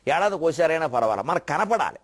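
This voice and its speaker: A man's voice: on the high side, very animated. Indignant older man preaching. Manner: indignant, scolding, rhetorical questions; chants verse slowly. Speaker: spiritual orator. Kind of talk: Telugu religious discourse.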